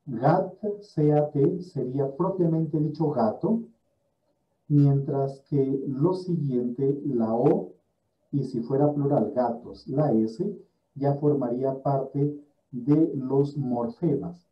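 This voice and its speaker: A friar giving a measured, step-by-step explanatory lecture, using examples, in a virtual Bible study. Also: male voice, mid-range voice, far from the mic. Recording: dull, roomy sound from away from the mic.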